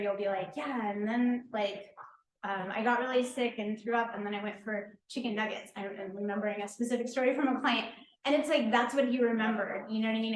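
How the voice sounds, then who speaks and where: A woman's voice: on the high side, slight background noise. A woman who works as a lymphatic therapist and holistic healer, giving an informal, earnest workshop lecture that is full of fillers. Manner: chatty and earnest, with frequent fillers. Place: event space at a market and deli. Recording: echoey room with faint background ambience.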